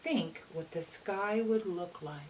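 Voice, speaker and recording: Her fairly low voice gently guides young children through a picture book, and she often stops to ask them questions like a teacher would. It's recorded from a distant mic with a faint hiss.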